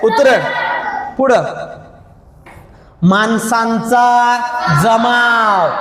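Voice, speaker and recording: A male teacher with a Vidarbha Marathi accent, running a call-and-response grammar lesson with a class, teasing and scolding playfully and stretching out key words. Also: high voice. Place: classroom with students. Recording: echoey classroom, faint room noise.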